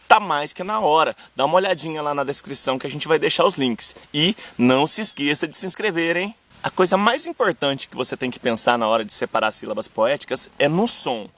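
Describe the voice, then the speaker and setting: Young Brazilian male teacher, slightly high voice, clear explanatory delivery, slows to recite verses. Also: fairly bright tone. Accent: Brazilian Portuguese. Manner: didactic, addresses viewers directly, slows to recite verse examples. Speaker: poetry teacher and channel host. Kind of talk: video lesson on poetic meter.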